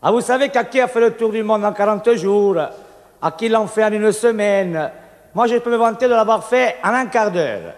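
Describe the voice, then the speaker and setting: A man's voice: sits high, normal speed, big-room sound. A man from Corsica performing a comic monologue full of wordplay, acting out the voices in a bar story. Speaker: comedian.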